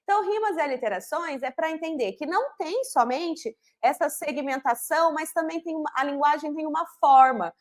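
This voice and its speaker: High-voiced teacher lady, slows way down to spell out sounds then rushes, keeps saying né? certo?. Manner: didactic, slows down to sound out syllables and phonemes; fast bursts with frequent "né?" and "certo?" checks. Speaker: literacy teacher trainer. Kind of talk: recorded online lesson.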